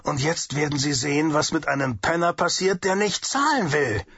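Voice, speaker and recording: A man's voice: on the high side, lively intonation, moderate pace, fairly bright tone, husky, no room sound, pitched above the performer's own voice, exaggerated voice. A man voicing a cruel young male gang leader who hisses threats, in a dull lo-fi audiobook recording. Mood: menacing. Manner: hissing, taunting.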